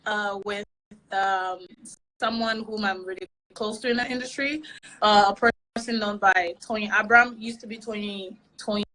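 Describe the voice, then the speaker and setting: A woman comedian telling her story in a casual interview, animated and laughing often as she acts out what people said. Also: mid-range voice, moderate pace, slight background noise, poor audio. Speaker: guest comedian.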